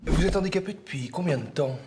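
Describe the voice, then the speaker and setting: An actor playing a formal, suspicious civil service official in an office scene. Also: male voice, on the high side, lively intonation, quick pace, background noise, lightly acted.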